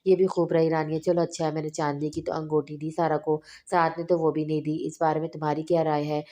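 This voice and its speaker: Female reader voicing a mocking young husband, dark, even delivery. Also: deep voice, quick pace, lightly acted. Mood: teasing. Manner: teasing, mocking. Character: teasing young husband, joking man.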